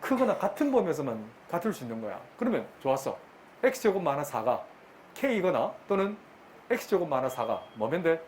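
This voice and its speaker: A middle-aged man lecturing a math class, brisk and bantering, often repeating his questions to the students. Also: fairly high pitch, sing-song, a little mellow, slight background noise. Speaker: math teacher.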